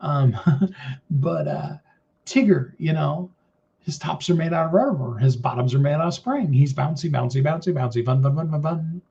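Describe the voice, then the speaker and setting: In a casual motivational talk, a middle-aged man with a naturally high voice wanders earnestly around his point, filling the gaps with lots of fillers. His tone is soft and mellow with some vocal fry, and he keeps a moderate pace. The audio is lo-fi and muffled.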